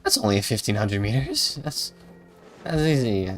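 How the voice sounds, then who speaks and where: With soft music in the background, a man streams a game, muttering his reactions and humming or singing snatches in casual live commentary. His medium-pitched voice is sing-song and fairly bright, at a normal speed.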